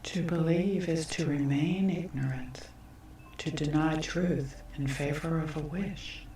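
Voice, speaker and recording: A superior, all-knowing female android acted by a woman in an ASMR role-play. The voice is low and very slow, with robotic, measured phrasing. It sounds distant in a long echo. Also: dark tone. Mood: cold, measured. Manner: robotic android delivery, measured, formal, detached. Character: omnipotent female android AI from the future, cold, superior.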